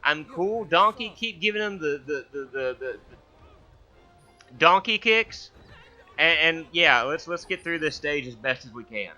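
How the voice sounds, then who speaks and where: A man's voice: fairly high pitch, expressive, unhurried, pushed and bright, faint music behind. A man hosting a casual let's-play, rambling with many stammered restarts while he plays. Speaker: gaming channel host. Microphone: headphones with gaming mic. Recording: dull lo-fi mic.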